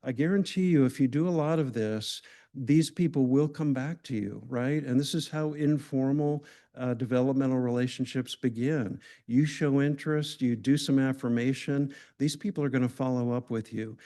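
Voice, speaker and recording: A man's voice: mid-range voice, moderate pace, dark tone. A man giving a conversational, engaging lecture to a hospital audience, often asking the room questions. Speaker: grand rounds speaker.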